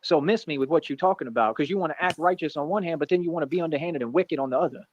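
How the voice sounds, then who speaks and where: A man's voice: fairly high pitch, very fast, muffled recording. A man in his thirties bragging and taunting in brash, repetitive trash talk. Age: 30s. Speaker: streamer in a played clip.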